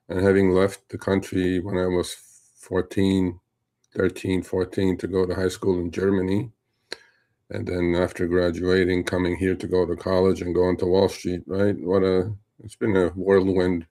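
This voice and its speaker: Man, middle-aged, from Turkey, deep voice, monotone, dark mellow tone, casual livestream commentary, lots of fillers. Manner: rambling, conversational, many fillers and asides. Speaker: host.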